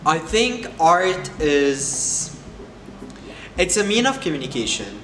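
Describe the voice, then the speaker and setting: A man's voice: on the high side, very animated, slow pace, a little hiss or hum. A man from Cairo, Egypt, answering interview questions thoughtfully, with frequent ums and restarts. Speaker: guest artist. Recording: echoey room with loud background music.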